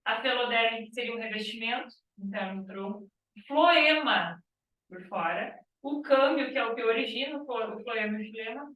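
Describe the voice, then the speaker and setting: A woman's voice: fairly high pitch, highs cut off. A female biology teacher lecturing a class, explaining step by step and checking in with "tá?". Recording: echoey classroom, far from mic.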